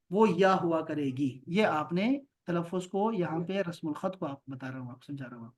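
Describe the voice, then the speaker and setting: A man from Pakistan teaching an Arabic lesson, drawing out example words slowly between quicker explanations. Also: sits high.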